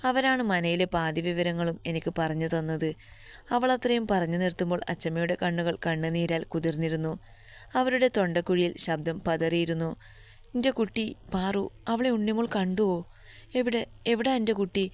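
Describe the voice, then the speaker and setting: A woman's voice: lowish voice, smooth. A woman narrating a romance story, reading the characters' lines in a slightly lifted voice.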